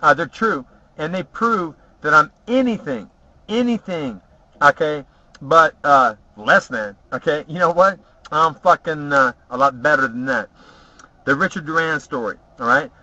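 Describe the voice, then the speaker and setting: A man telling rambling, boastful stories from his past, swearing freely and filling pauses with "uh" and "you know what?". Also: on the high side, expressive, bright, forceful tone. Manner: profane, boastful, rambling with many fillers. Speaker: vlogger telling personal stories. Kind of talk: casual storytelling monologue. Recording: dull lo-fi home video audio.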